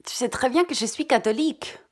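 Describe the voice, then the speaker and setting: A woman's voice: high-pitched, brisk, echoey room, close to an everyday voice. An actress playing a heartbroken, bitter Irish woman in a theatre monologue, crude and sardonic, sometimes dropping to a whisper. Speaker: actress in a one-woman show.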